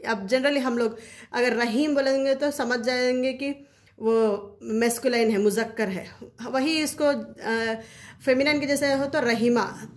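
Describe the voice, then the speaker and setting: A woman's voice: a little high, steady tone, measured pace. A woman teaching Quranic Arabic grammar in a casual explanatory lesson, often repeating key terms for her listeners.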